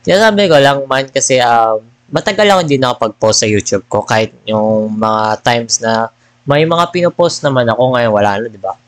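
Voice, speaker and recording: A man's voice: mid-range voice, normal speed, no room sound. Casual rambling man on a dry headset mic. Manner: rambling, mixes Tagalog and English. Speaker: gaming vlogger. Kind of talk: casual chat.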